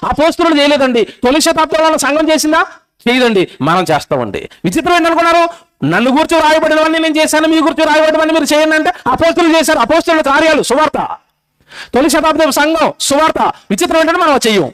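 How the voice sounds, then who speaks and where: A male preacher gives a fervent sermon in an extremely high, slightly bright voice. He speaks fast, pushing the congregation with scolding rhetorical questions and urgent exhortation.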